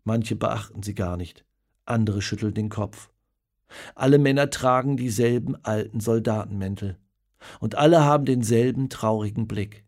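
A man narrating a story in an expressive, dramatic reading voice. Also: fairly low pitch, normal speed.

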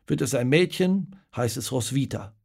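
A man's voice: mid-range voice, lively intonation, moderate pace, creaky, a little mellow, husky. A man voicing a glum, disappointed young husband. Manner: glum, resigned.

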